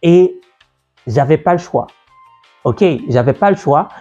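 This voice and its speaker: A French-speaking entrepreneur and business coach tells his personal business story to camera at a measured pace. His voice sits on the high side, expressive but dark in tone, and he talks conversationally, repeating himself and using many fillers. The sound is dull and lo-fi, with faint music underneath.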